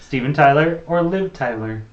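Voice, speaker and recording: A man's voice: fairly high pitch, lively intonation, normal speed. A man co-hosting a live trivia night, reading the questions aloud and trading dry jokes. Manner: dry joking, reads questions with a flourish. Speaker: trivia host. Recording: dull roomy sound with faint hiss.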